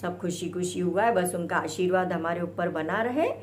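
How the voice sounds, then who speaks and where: A middle-aged woman telling a family story in a casual vlog, lively and acting out the banter in different voices. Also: on the low side, normal speed, a little hiss or hum. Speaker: vlogger.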